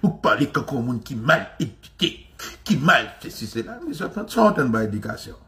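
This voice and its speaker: A Haitian man hosting a show, ranting in an animated, mocking way, with lots of repetition and frequent laughter. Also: mid-range voice, brisk. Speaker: show host. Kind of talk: impassioned commentary rant.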